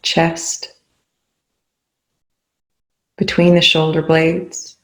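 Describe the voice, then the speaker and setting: Speaking slowly at a medium, monotone pitch, a meditation guide leads a session. The delivery is soothing and unhurried, with long pauses between phrases.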